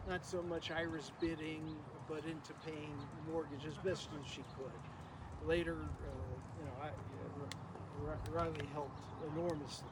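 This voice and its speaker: Outdoors in a garden, an older man with a fairly high voice gives an informal memorial tribute to a gathering, reminiscing and rambling haltingly with frequent pauses. He is captured by a distant camera microphone with no working PA, so the recording is noisy.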